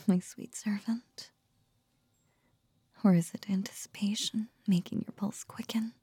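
A woman voicing an ancient, possessive nine-tailed fox goddess in a whispered ASMR roleplay, speaking in a slow, teasing, breathy murmur. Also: mid-range voice, warm tone, no echo.

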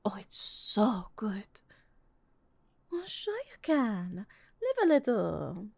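A woman doing a doting lady, breathy and slow. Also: mid-range voice, sing-song, no room sound, heavily acted. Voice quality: soft, breathy, half-whispered. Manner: tender, teasing, pampering. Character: doting middle-aged French woman, affectionate roommate and mother. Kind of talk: audio roleplay to the listener.

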